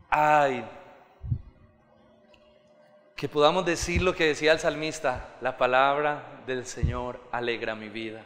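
A man preaches with a high, bright, ringing voice that carries through a reverberant church hall. His sermon is passionate and climbs to fervent peaks. He acts out everyday scenes along the way. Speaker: pastor.

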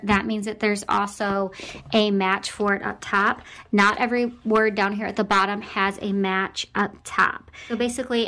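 A woman's voice: mid-range voice, a bit bright. A young adult woman with a mid-range voice talks through a product in a casual way. She explains things step by step, like a parent showing other parents how something works. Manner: explanatory, spelling out letters and words. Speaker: parent reviewing a children's book.

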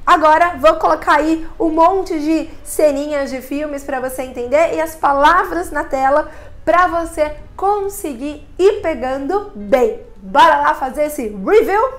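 A woman's voice: high-pitched, measured pace, fairly bright tone. A woman from Brazil giving a chatty English pronunciation lesson, sounding out vowels as she explains. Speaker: English teacher. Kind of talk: casual video lesson.

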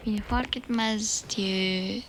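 A woman giving casual commentary while playing a video game, swinging between whispered muttering and excited shrieks. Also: mid-range voice, takes it slowly. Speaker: gamer. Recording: noisy home recording.

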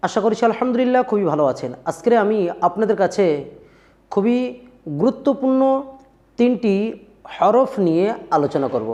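A man's voice: sits high, lively intonation, normal speed, long pauses, a little mellow, muffled recording. A man teaching the pronunciation of Arabic letters, addressing viewers as dear friends and drilling each sound over and over. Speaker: Quran recitation teacher.

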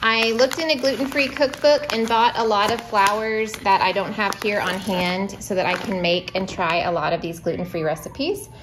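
A woman in her thirties talks through a grocery haul at home in a loose, chatty way, full of small asides. She sounds a little out of breath, at a middle pitch. A faint hum of room noise sits behind her. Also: steady tone, normal speed, few pauses. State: slightly out of breath. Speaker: vlogger. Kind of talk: casual grocery haul vlog.

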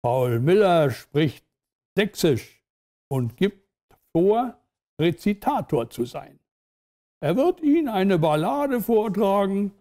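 A man's voice: high-pitched, sing-song, slow pace, long pauses, dark tone, voice pushed up, exaggerated voice. A man reading the lines of a brash young male cabaret compere who announces acts with mocking showmanship.

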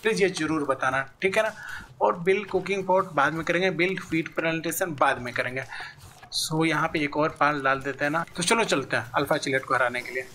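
A man's voice: a little high, fairly quick, sharp tone, slight background noise. A man giving casual let's-play commentary as a gaming YouTuber, chatty, thinking aloud and talking straight to his viewers.

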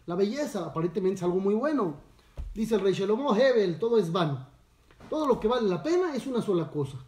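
High-voiced rabbi telling a story. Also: male voice, big pitch swings, fairly quick, a little mellow. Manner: storytelling, asks listeners questions. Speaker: rabbi teaching a class. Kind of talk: Torah lesson. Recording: echoey room, distant mic.

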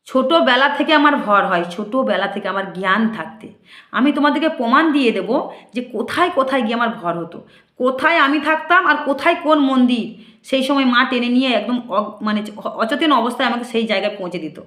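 A high-pitched woman in her thirties, speaking as a temple priestess and answering her critics. She talks in an indignant, questioning way, putting one rhetorical question after another to her viewers. Her voice rings around an echoey room. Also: expressive, fairly quick, fairly bright tone. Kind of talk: casual monologue to viewers.

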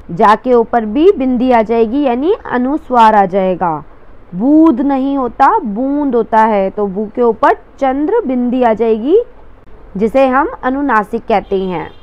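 Slow patient woman teacher. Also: on the high side, lively intonation, a little mellow, lo-fi sound. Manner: patient, repeats each word slowly. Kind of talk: explaining a worksheet step by step.

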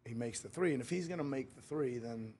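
A man's voice: medium pitch, brisk, warm tone, slightly rough. A middle-aged man speaking as head coach at a post-game press conference, talking candidly and rambling, with frequent restarts, into a table mic in a press room. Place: press room before a sponsor backdrop. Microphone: table mic in front of him.

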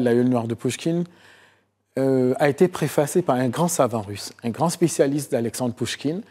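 A middle-aged man from Côte d'Ivoire, a historian, giving long answers in a TV interview, often pausing with fillers and repeating phrases. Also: mid-range voice, darkish tone, slightly rough. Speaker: historian and author guest. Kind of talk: TV interview, recounting his research.

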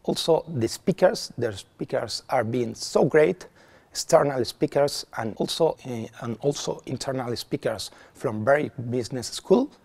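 A man in his forties from Spain speaking English with a Spanish accent, slow and careful in a classroom testimonial. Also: medium pitch, vocal fry, a little mellow, slightly rough. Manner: slow, non-native phrasing. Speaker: strategic planning manager. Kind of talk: testimonial interview.

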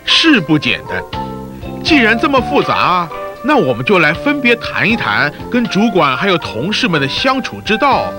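A teasing male mentor in a comic training video. He is high-pitched and very animated, chatty, exclamatory and sarcastic, with a Taiwanese Mandarin accent and music behind him. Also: moderate pace. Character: teasing, scolding male narrator-mentor coaching a newcomer. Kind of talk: comic instructional narration.

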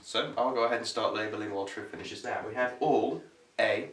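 A man's voice: on the low side, brisk, fairly bright tone. A young man co-hosting a casual biology revision lesson, explaining in an easygoing, matter-of-fact way. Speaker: revision video co-host. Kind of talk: casual tutoring chat. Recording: echoey room, mic far off, faint hiss.

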